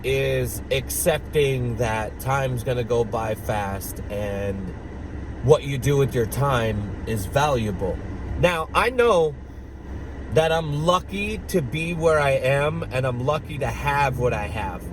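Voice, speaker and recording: A man in his thirties ranting casually to camera as a vlogger, slow and rambling, with frequent swearing and throat-clearing. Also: mid-range voice, noisy background. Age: 30s.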